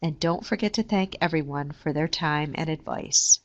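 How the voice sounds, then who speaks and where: A woman reading a scripted careers lesson in a steady, measured way. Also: sits low, highs cut off. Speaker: career services presenter. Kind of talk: scripted instructional narration.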